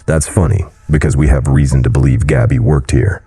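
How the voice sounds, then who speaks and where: A man's voice: extremely low pitch, steady tone, brisk, warm tone, slightly rough, soft background music, exaggerated voice. A man voicing a steely female private investigator who speaks firmly and sternly. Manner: stern, assertive.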